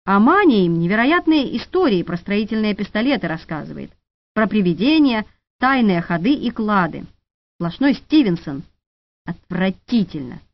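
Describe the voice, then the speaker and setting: A stern, angry colonel who hisses his scolding orders, voiced by a woman reader. His pitch jumps up and down. The sound is dry and slightly dull. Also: no room sound. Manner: hissing, scolding. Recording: dull dry studio recording.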